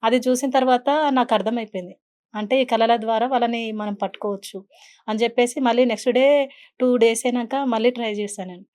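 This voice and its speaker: A woman's voice: on the high side, steady tone, fast, darkish tone. A woman guest on an interview show, earnestly telling a personal story and mixing in English words. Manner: earnest, mixes English words into her speech.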